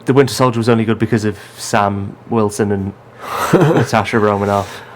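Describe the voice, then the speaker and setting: A man's voice: lowish voice, a little hiss or hum. Opinionated man, casual podcast chat. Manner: opinionated, fast bursts of argument. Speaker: podcast host.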